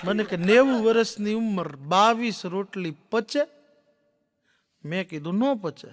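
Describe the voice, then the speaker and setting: A man's voice: high voice, expressive, a little slow, very noisy. A man doing stand-up, telling folksy joke stories and acting out the dialogue for a laughing audience. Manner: folksy storyteller, acts out dialogue. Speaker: stand-up comedian. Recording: long hall reverb.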